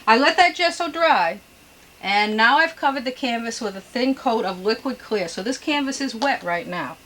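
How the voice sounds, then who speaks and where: A woman giving an unscripted painting demonstration as a gentle instructor, with homely, folksy, chatty asides. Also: a little high, animated, moderate pace, rough recording. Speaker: painting instructor and show host.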